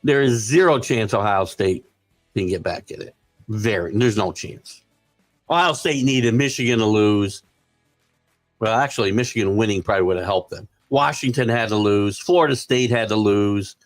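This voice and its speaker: A male host of a live sports talk show, giving opinionated commentary that keeps building into excited rants. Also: on the low side, normal speed, dry recording, soft background music.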